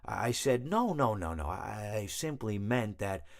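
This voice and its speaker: A long-winded animatronic hippo from a video game, genial and darkly blasé. His slightly deep voice rises and falls freely as he meanders through his storytelling. He hesitates and corrects himself, always in a rambling monologue. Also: very animated, unhurried. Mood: reflective, rambling.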